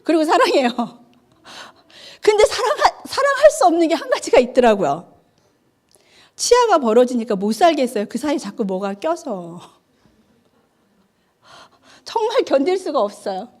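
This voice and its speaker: A woman in her fifties preaches a sermon in a high, bright voice that swoops up and down as she tells her stories. She acts out the dialogue as she goes and keeps asking the congregation questions, with the chatty feel of a talk among friends. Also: moderate pace, long pauses. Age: 50s. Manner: animated storytelling that acts out the dialogue. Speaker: evangelist preaching.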